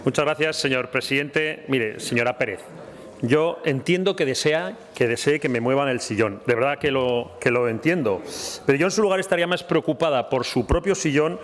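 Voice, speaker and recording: A man's voice: mid-range voice, normal speed. A man giving a combative parliamentary speech, repeatedly addressing his opponent by name. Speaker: parliamentary spokesman. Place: parliament chamber. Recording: reverberant chamber with murmuring crowd.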